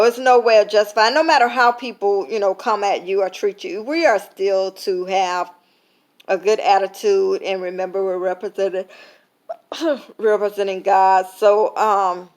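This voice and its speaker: A tired woman talking casually to camera, full of fillers, retelling an everyday story with quoted lines. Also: medium pitch. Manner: conversational, many fillers, retelling with quoted dialogue. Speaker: vlogger sharing a faith lesson. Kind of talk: casual reflective talk to camera.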